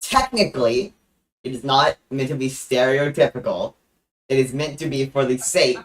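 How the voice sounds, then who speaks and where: A young adult streamer chatting casually on a livestream, halting with frequent restarts and joking in a deadpan way. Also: mid-range voice, poor audio.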